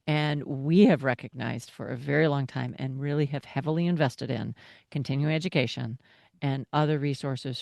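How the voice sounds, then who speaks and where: Woman, podcast host, upbeat, encouraging, gravelly voice, dry sound. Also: a bass voice, a little mellow, no room sound. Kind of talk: casual interview hosting.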